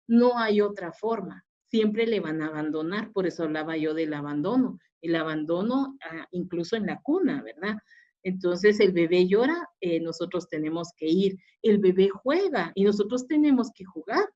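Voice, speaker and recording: A woman's voice: lowish voice, darkish tone. A woman psychologist giving a webinar lecture, explaining patiently with fillers and restarts. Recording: dull lo-fi webinar audio.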